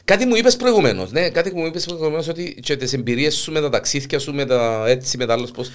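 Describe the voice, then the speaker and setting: A man's voice: a little high, expressive. A middle-aged or older man with a Greek Cypriot accent, hosting a casual podcast in colloquial dialect with frequent interjections and repeated words. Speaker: podcast host.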